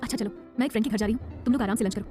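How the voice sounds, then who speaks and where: A woman narrator voicing an affectionate middle-aged mother-in-law who speaks gently and dotingly. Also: a little high, rapid-fire, faint music behind, close to an everyday voice.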